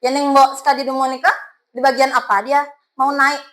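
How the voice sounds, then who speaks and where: Bright, high-voiced Balinese woman teacher. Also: little pitch movement, brisk, low-quality recording. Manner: coaxing, asks students questions. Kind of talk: classroom teaching.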